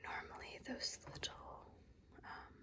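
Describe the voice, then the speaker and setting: A woman speaking in a soft, breathy, unvoiced library whisper, showing things unhurriedly in an ASMR style. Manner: soft, hushed, unhurried show-and-tell. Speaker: ASMR creator giving a bookshelf tour.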